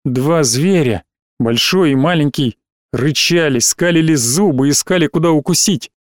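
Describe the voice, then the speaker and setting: Man calmly narrating an audiobook. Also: fairly high pitch, moderate pace, dry recording, clean studio sound.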